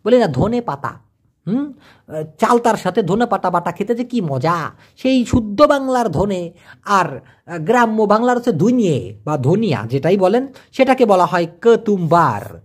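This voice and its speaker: A man gives a casual vocabulary lesson with a fairly high, animated voice that swings up and down a lot. He explains each word with everyday examples and says pronunciations over several times, slowly and carefully. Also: husky. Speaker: language teacher.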